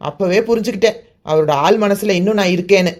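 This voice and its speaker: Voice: mid-range voice, quick pace, close to an everyday voice. Someone doing a caring young guy in a cartoon, earnest and blunt, medium voice. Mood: reassuring. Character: earnest young man, caring nephew, frank. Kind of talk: cartoon voice acting.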